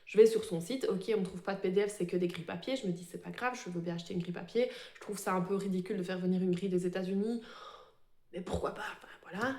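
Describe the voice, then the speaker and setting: A woman chatting casually to camera about her embroidery, full of fillers and quick self-corrections. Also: medium pitch, dark tone. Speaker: cross-stitch vlogger. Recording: echoey room.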